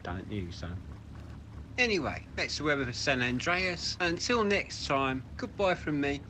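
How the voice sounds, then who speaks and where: A man's voice: on the high side, big pitch swings, a little slow, sharp tone, slight background noise, full character voice. A man playing a chipper, gullible weatherman reporting from a yacht. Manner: chipper, broadcast delivery.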